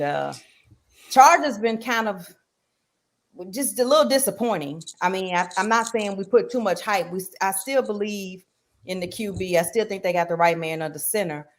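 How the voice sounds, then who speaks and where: A woman co-hosting a casual sports pick'em chat, talking loosely and getting loud and animated as she vents. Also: lowish voice. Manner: animated, loud and laughing when worked up. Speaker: podcast co-host.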